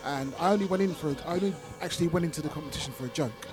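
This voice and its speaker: Middle-aged London man, higher-pitched voice. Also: very fast. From East London, England. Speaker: guest, veteran DJ and radio station founder. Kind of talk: casual interview reminiscence. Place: studio. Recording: music playing behind the voice.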